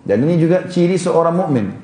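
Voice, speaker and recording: A man gives a relaxed storytelling lecture as a preacher, sketching places on a board and pausing to fix his own slips. His voice sits somewhat high for a man. The room carries a noticeable echo. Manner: casual, explains with a drawing, corrects himself. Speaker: Islamic preacher.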